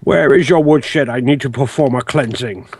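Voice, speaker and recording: A man's voice: medium pitch, moderate pace, a little mellow, slight background noise, natural voice. A man voicing a solemn, menacing religious zealot in a tabletop game, ponderous as he pronounces judgement. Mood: stern. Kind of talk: tabletop role-play.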